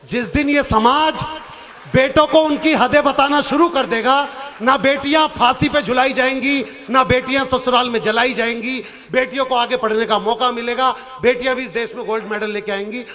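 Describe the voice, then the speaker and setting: A man's voice: very high-pitched, fairly even intonation, normal speed, a bit bright. A man performing comic storytelling at a poetry stage show, acting out his characters' lines in shifted voices. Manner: turns earnest and preachy near the end. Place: outdoor or hall stage before a live audience.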